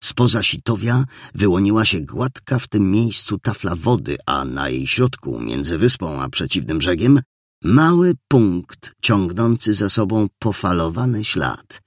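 A man reading an audiobook in a lower voice with a gravelly, husky texture. His delivery is lively and very expressive, and the recording is dry and close. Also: unhurried, no echo. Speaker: narrator. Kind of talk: audiobook narration.

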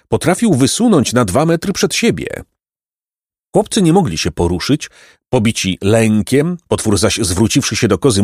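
A man narrating a children's storybook in an expressive, dramatic way. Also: lowish voice, no room sound, studio quality. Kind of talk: storybook reading.

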